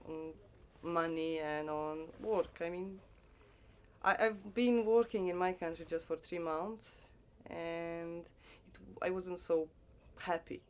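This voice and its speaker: Soft Romanian-accented woman, hesitant. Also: lowish voice, slow, slight background noise. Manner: soft, hesitant, searching for words. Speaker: seasonal farm worker. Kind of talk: interview.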